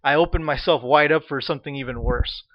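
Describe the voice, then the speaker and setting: Man ranting with profane animated energy. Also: on the high side, fast, dry recording. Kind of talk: casual comedic storytelling. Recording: dull, dry lo-fi sound.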